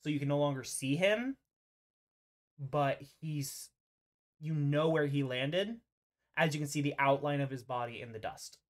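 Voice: medium pitch, a little slow, long pauses. Game master narrating on a voice call. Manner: voices non-player characters. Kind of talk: narrating a tabletop roleplay over online voice chat. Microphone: online group voice call.

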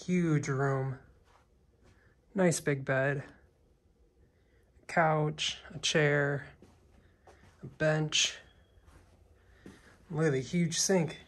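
A man quietly commenting as he walks through an abandoned hotel, remarking on the things left behind, recorded on a handheld phone camera. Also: fairly even intonation, drawn-out words, long pauses. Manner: low-key, remarks on found objects. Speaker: urban explorer. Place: abandoned hotel, indoors, walking through rooms.

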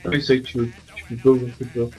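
A man's voice: mid-range voice, monotone, quick pace, soft background music. A man on a computer voice chat, laid-back and amused. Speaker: voice chat participant. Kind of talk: casual gamer voice chat.

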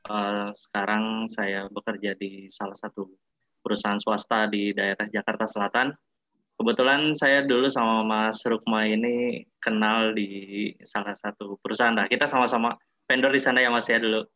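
A man in his late twenties, a guest sysadmin, talking politely and relaxed in a casual interview. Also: fairly low pitch, normal speed, no room sound. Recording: dull lo-fi dry mic.

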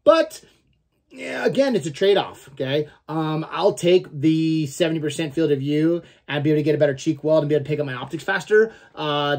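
Casting: man, 40s, slightly higher voice, informal and mildly profane product reviewer talking to camera at home. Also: a little mellow. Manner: informal, mildly profane, frequent "okay?" check-ins. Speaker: gear reviewer. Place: small room at home, indoors.

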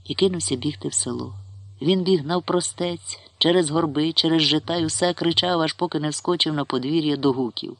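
A man narrating a short story in an expressive storytelling manner. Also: a little high, fairly quick, noisy background.

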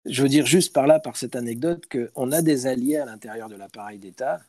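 A man speaking as a guest on an online call, telling stories with many pauses and restarts through an earphone mic. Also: medium pitch, darkish tone, dry recording. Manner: hesitant, many restarts and "euh", storytelling. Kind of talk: casual online talk, answering questions. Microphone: earphone headset mic.

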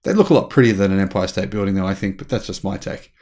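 A man's voice: sits low, fast talker. Enthusiastic man, news vlog. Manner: enthusiastic, animated, gestures with hands. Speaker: channel host. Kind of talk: energetic news commentary. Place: small indoor room at home.

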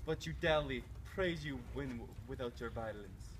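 A man's voice: medium pitch, lively intonation, moderate pace, lightly acted. A young man playing Hamlet as a hot-headed dueling prince in an amateur Shakespeare performance. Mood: taunting. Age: young adult. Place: outdoors in a residential backyard. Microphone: camera a few meters away. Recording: noisy outdoor camera microphone.

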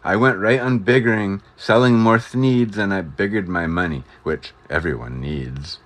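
A man reading a rhyming storybook aloud as a storyteller, with a rhythmic, expressive delivery. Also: low voice, moderate pace.

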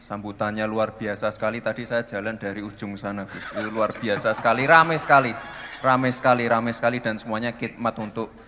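A man's voice: on the low side, flat delivery, brisk, a bit bright, in a large hall, slight background noise. A man, a city mayor giving a short, polite welcome speech and repeating his thanks.

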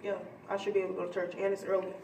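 A woman's voice: medium pitch, little pitch movement, rapid-fire, a little mellow, echoey room, recorded from a distance, a little hiss or hum, poor audio. A middle-school girl chatting casually with friends for a vlog, making dry, offhand remarks. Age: teens. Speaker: vlogger. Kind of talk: casual chat.

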